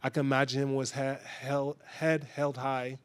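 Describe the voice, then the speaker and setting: A man's voice: medium pitch, flat delivery, normal speed, clean tone. Young man preaching in a casual tone. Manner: casual, conversational, with hesitations. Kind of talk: storytelling sermon.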